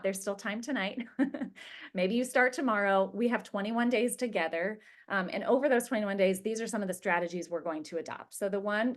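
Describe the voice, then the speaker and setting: Chatty woman coaching a habits group. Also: mid-range voice. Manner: chatty, many fillers and "like". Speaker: wellness coach. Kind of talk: casual group coaching talk.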